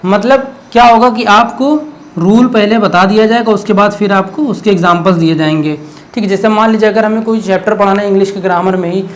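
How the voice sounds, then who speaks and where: Fast-talking, high-voiced male teacher. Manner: explains by asking himself questions, keeps adding "okay?"; relaxed, conversational teaching tone. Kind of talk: exam-prep lecture.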